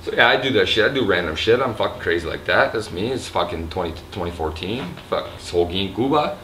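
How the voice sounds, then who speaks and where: A slightly drunk man with a raspy throat, rambling and swearing loosely in a casual vlog, filmed on a handheld camera in a resort hotel room. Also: sits low, animated, fairly quick, bright, forceful tone, slight background noise. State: a little drunk. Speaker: vlogger. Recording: echoey room with faint ambience.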